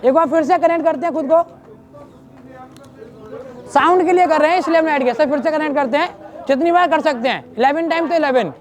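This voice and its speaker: A man's voice: very high-pitched, fairly quick, pauses often, some chatter behind. A man leading a yoga class in a public park, coaxing and repetitive, speaking straight to the participants. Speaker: yoga trainer. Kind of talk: instructing an outdoor yoga class.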